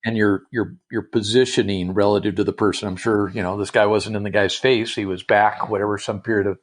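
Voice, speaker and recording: A man with a fairly low voice hosts a casual podcast interview. He talks in an animated way, restarting sentences often and affirming with "yep" and "right". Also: fairly quick.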